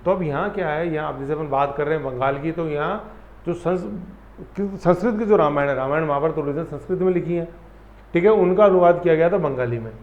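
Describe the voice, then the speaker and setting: A man teaching an exam-prep class, lively and full of memory tricks, often checking that students follow. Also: a little high. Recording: roomy, dull lo-fi classroom sound.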